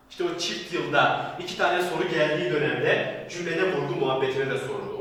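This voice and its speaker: A man's voice: fairly high pitch, a little hiss or hum. A man teaching grammar for an exam, stressing warnings and answering his own questions. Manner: emphatic, repeats warnings, asks and answers students' questions himself. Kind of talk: recorded exam-prep lecture. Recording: echoey hall from far off.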